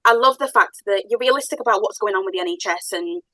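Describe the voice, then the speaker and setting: A woman's voice: medium pitch, fast talker, dry recording, low-quality recording. A woman hosting a podcast and running her own business, talking in a chatty, enthusiastic way as she tells stories and sets up questions. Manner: chatty, enthusiastic, animated storytelling. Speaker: podcast host, business owner. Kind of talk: casual podcast conversation.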